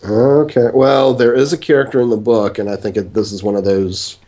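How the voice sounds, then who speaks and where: A man's voice: mid-range voice, level tone, a little fast, mellow. A male podcast host in casual discussion, hesitant, with many fillers.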